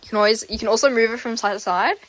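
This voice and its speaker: A woman's voice: on the high side, rapid-fire, fairly bright tone, slight background noise. A woman filming the tour, making short, surprised comments from behind the camera. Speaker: sister filming.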